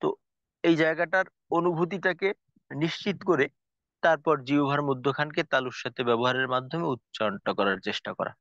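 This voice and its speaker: A man teaching a tajweed lesson, explaining slowly and carefully with frequent pauses and fillers. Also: fairly high pitch, a bit bright, no echo. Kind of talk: recorded lesson lecture. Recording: dull lo-fi recording, dry.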